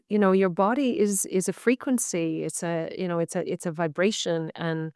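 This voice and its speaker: A woman with a Canadian accent speaks as a guest on a video call interview, where she's introduced as a medical intuitive, in casual interview talk. She's earnest and reflective, speaking in long searching phrases. Her mid-range voice is darkish and clean, recorded at studio quality with no room sound.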